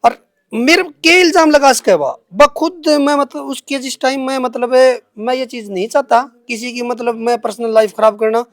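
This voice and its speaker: Speaking at a moderate pace in a strikingly high-pitched voice, a young man from Haryana, India, with a Haryanvi accent answers accusations against him in an interview. His defence is colloquial and emphatic, with frequent repetition, and the dry recording sounds close, with very little room.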